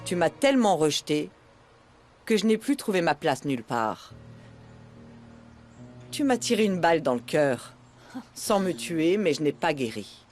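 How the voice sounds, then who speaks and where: A woman dubbing a cold, wealthy older mother in a TV drama, speaking in a measured, commanding way. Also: low-pitched, very animated, darkish tone, faint music behind. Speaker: dub actress. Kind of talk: French dub of a TV drama.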